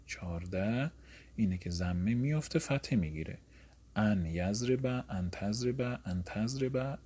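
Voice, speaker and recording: A man teaching a grammar lesson, drilling word forms slowly and then explaining them quickly. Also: on the low side, dark tone, slightly rough.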